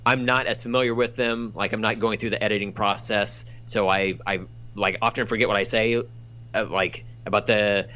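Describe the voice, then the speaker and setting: A man's voice: mid-range voice, a bit bright, muffled recording. A man from Oklahoma chatting casually on a podcast, rambling with many fillers and restarts. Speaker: podcast guest and fellow podcaster.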